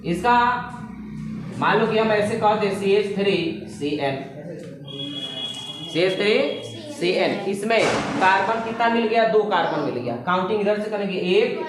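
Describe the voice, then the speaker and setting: A woman tutoring chemistry in a classroom lecture. She spells terms out letter by letter and keeps quizzing her students with quick check questions. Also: mid-range voice, expressive, over music. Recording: very echoey classroom with students audible.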